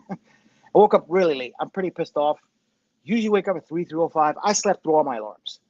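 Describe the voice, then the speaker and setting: This fifty-something commentary show host talks casually on a livestream, meandering, cursing and running himself down. His pitch sits on the high side and his tone is slightly mellow. He uses a Bluetooth headphone mic that sounds dull and tinny, and there's no room sound.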